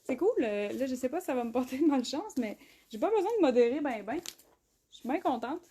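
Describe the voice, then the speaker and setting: A woman with a Québécois accent hosting a live clothing sale, chatty, full of fillers and quick laughs. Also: high voice, animated, dark tone, a little hiss or hum. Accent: Québécois French. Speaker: clothing brand host. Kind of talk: live shopping stream. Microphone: phone.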